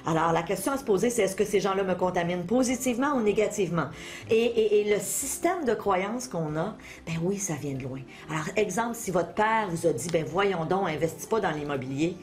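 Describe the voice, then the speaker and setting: Woman, Quebec accent, middle-aged, medium pitch, conversational coaching style, didactic, addresses the listener directly. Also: expressive, fairly quick. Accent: Quebec French. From Quebec, Canada. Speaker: interview guest, motivational speaker and author. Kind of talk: conversational explanation of self-help ideas.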